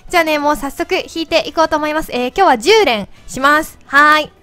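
A woman with a squeaky, helium-altered voice giving playful, chatty, excitable commentary on a game as its host. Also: a little fast. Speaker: host of a mobile game channel. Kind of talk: casual gameplay commentary.

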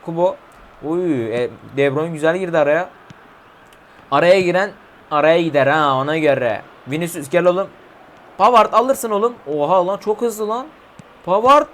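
A man in his twenties commentating his mobile football game, shouting player names and cursing at missed passes. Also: fairly high pitch, normal speed. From Turkey. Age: 20s. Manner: excitable, yelling player names at goals, swearing at the game. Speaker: gaming YouTuber.

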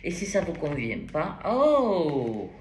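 A tarot reader gives a spoken reading in a low-pitched voice with huge pitch swings, speaking slowly. She's hesitant and rambling, with frequent restarts and interjections. The room is echoey, with a little hiss or hum.

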